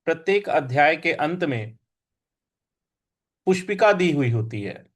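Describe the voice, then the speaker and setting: A man teaching scripture recitation, slowly and carefully repeating syllables and explaining where to stress them. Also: on the high side, sing-song. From India. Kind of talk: recitation lesson on pronunciation.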